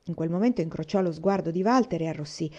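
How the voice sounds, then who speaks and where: A woman reading a novel aloud in a calm, even storytelling manner. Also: fairly low pitch, quick pace, lo-fi sound. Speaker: audiobook reader.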